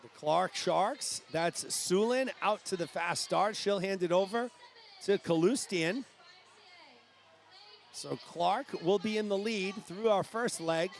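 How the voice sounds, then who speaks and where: A man with a New England accent calling a youth swim meet live, brisk play-by-play that rises at the finishes. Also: high voice, vocal fry. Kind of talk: live sports commentary.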